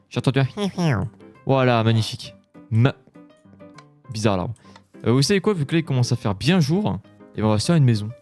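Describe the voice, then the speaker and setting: A young man speaks casual gameplay commentary at a middle pitch. He chats on in a relaxed way and then jumps into loud, startled cries. Faint game music runs quietly behind him. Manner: chatty and jumpy, shouting when scared. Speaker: gaming YouTuber. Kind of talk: Let's Play commentary.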